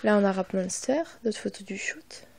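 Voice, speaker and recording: A woman's voice: mid-range voice, moderate pace, vocal fry, darkish tone, a little hiss or hum. A young woman narrating a casual unboxing, hesitant and apologetic, with many fillers, often dropping to a half-whisper, recorded on her phone. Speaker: vlogger.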